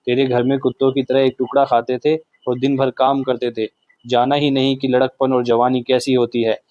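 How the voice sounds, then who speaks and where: A man's voice: medium pitch, level tone, normal speed, a little mellow, no room sound, muffled recording, natural voice. A man voicing a resentful young village man who threatens and hurls abuse, in a storybook reading.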